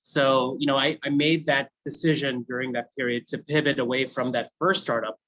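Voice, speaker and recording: Telling a class his story at a moderate pace, an American food brand founder in his thirties keeps things chatty, laughing often and saying "you know" a lot. His mid-range voice is a bit bright with fairly even intonation, heard on poor audio.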